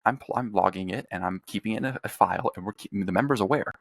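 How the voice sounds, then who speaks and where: A man's voice: lowish voice, rapid-fire, gravelly, no echo. A young man, a former congressional staffer, talking politics as a podcast guest in a blunt, profane, rambling way. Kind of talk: casual political chat.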